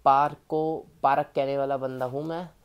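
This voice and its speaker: A man's voice: medium pitch, little pitch movement, moderate pace, smooth, muffled recording. A man with an Indian accent giving a casual spoken tutorial on exam preparation, chatty and informal, speaking straight to the viewer. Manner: chatty and informal, calling the viewer "yaar" and "bhai".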